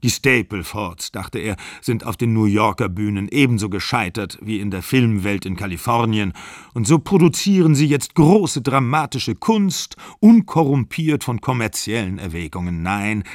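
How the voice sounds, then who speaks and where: Man giving a measured literary reading. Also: fairly low pitch, lively intonation, no room sound, studio quality. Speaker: narrator.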